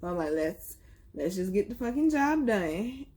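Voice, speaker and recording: A woman's voice: medium pitch, very animated, moderate pace, dark tone. A young woman telling a blunt, profane story in a casual vlog. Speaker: vlogger.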